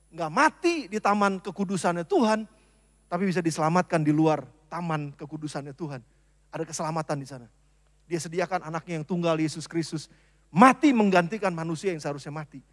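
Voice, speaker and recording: A man preaching a sermon as pastor, animated, moving from loud emphasis to soft asides. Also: high-pitched. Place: church. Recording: long church hall reverb.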